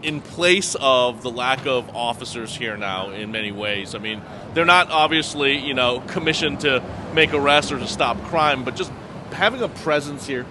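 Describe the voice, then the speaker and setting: A man's voice: medium pitch, lively intonation, moderate pace. A man giving emphatic, indignant political commentary outdoors during a street interview. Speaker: local commentator. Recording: loud street and traffic noise.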